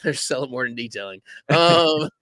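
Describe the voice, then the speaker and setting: A man co-hosting a live show, telling stories in a rambling, animated way full of fillers. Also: mid-range voice, moderate pace, dry recording, studio quality. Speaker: podcast co-host. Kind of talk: casual live-stream chat. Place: live-stream studio.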